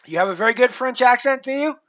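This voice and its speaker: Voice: medium pitch, expressive, quick pace, a bit bright, muffled recording. A poker streamer chatting casually with live viewers, rambling along with plenty of fillers and restarts.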